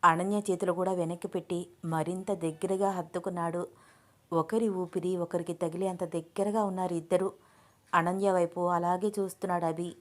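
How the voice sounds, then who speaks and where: A woman's voice: fairly low pitch, normal speed. Woman storyteller reading a romance. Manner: steady descriptive narration.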